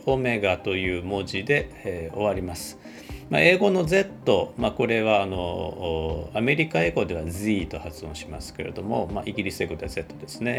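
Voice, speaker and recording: Male computer scientist, low gravelly voice, measured explanatory delivery with fillers. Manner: measured, with frequent filler words. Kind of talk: explanatory talk.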